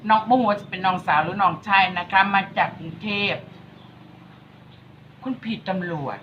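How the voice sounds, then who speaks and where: A cooking vlogger with an Isan accent chats and teases directly at her audience in a casual way. She has a mid-range voice and keeps a moderate pace, with slight background noise on the dull, lo-fi recording.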